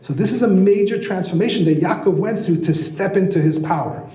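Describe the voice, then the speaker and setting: In a lecture room with a roomy echo, a man gives an enthusiastic teaching lecture on astrology, often posing rhetorical questions to his listeners. His voice is high, brisk and warm.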